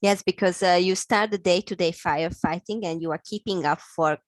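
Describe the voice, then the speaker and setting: A woman's voice: fairly low pitch, normal speed, no room sound. A woman from Hungary, speaking English with a Hungarian accent, explaining her work in an interview with many fillers and restarts. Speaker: guest, operations consultant. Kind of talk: interview answers.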